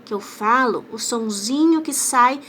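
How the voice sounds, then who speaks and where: A woman teacher stretches out each word in a slow, deliberate classroom delivery, her voice sitting a little high. A faint hiss of background noise runs under the recording. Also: fairly bright tone. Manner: slow, over-articulated words for children. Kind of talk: classroom lesson.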